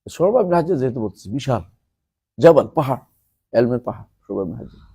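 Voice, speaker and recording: A man, teaching a classroom lesson, asking his students questions and reciting Arabic verses slowly. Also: mid-range voice, lively intonation, warm tone, husky. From Bangladesh. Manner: asks students questions and explains term by term. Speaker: teacher of an Islamic text class.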